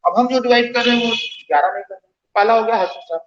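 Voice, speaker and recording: Guy teaching grammar in a classroom, kinda high voice, keeps repeating stuff and asking the class, sounds roomy and muffled. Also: rapid-fire, fairly bright tone. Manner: repeats phrases and quizzes students. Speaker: Hindi teacher. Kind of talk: classroom lecture. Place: classroom with lights off. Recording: echoey, dull classroom recording.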